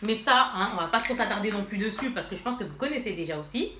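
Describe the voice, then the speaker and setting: Speaking fast with lively intonation at a medium pitch, this beauty vlogger does a relaxed haul and swatch demo, addressing viewers directly and using lots of fillers. Her nose is congested from allergies, and the recording has an echoey room and faint noise.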